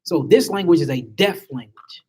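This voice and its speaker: A man's voice: on the high side, animated, moderate pace, darkish tone, breathy edge. A man giving an emphatic spiritual lecture to a small group, asking his listeners rhetorical questions.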